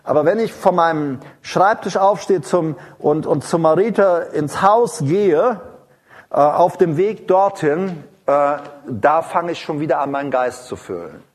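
A man's voice: on the high side, animated, measured pace. A man preaching an informal sermon in a rambling, digressive way, with many fillers and restarts, breaking into sung praise and tongues between sentences.

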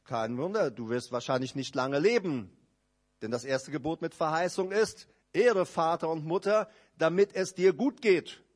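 A man preaching a sermon, emphatic, swinging between loud rising outbursts and low quiet asides, and acting out quoted speakers in short dialogue bits. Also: slightly rough.

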